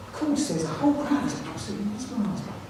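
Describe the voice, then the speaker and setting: Male headteacher with a London accent, animated anecdotal speaker; distant mic in a reverberant hall. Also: extremely high pitch, racing, noisy background. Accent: London English. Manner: jokey storyteller, animated, self-mocking. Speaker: headteacher giving a talk. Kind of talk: anecdotal presentation to an audience. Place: large hall with audience.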